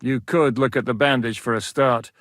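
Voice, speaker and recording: In these video game voice lines, a man plays a hardened, wary warlord commander who is blunt, weary, gruff, and curses freely. His mid-range voice holds a steady tone at normal speed, a little bright and close to everyday speech. It is a dry studio recording with no room sound.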